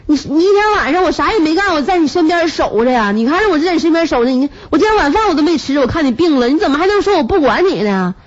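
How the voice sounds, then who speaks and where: A woman's voice: on the high side, lively intonation, fast. Woman quoting a coaxing Northeastern husband. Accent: Northeastern Chinese. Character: worried cab-driver husband, middle-aged man. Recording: muffled radio broadcast recording.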